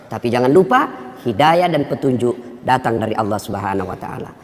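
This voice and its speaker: A male preacher giving a sermon with animated storytelling, acting out the voices of the people in his stories. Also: medium pitch, fairly quick, long reverb tail.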